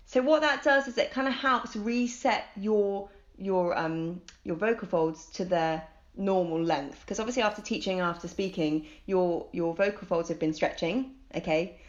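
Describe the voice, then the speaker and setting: A woman's voice: medium pitch, normal speed. A woman, a vocal coach, explaining voice care in an upbeat, coaching manner on a podcast. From United Kingdom. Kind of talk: podcast conversation. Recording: dull lo-fi sound.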